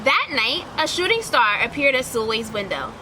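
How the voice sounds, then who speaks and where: A woman's voice: high voice, very animated, normal speed, noisy background. A woman reading a picture book aloud like a teacher, expressively and instructively, with questions for young listeners. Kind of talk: children's read-aloud, expressive storytelling.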